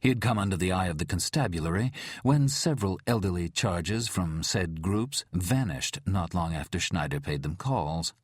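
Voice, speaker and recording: A man narrating an audiobook thriller in a measured, dramatic storytelling manner. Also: deep voice, husky, dry recording, clean studio sound.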